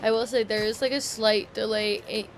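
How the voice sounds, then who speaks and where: A woman's voice: a little high, steady tone, moderate pace, slight background noise. A woman streamer giving casual gameplay commentary, rambling with many fillers and self-corrections, sometimes drifting away from the mic. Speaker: gaming streamer. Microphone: headset or desk mic, at times far from it.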